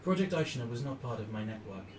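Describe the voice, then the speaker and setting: A man's voice: mid-range voice, sing-song, fast talker, lightly acted. Man voicing a formal machine mind, distant and echoey. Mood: detached, formal. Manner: clipped, formal, literal phrasing. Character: terse, formal machine intelligence speaking telepathically. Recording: roomy, distant, noisy tabletop recording.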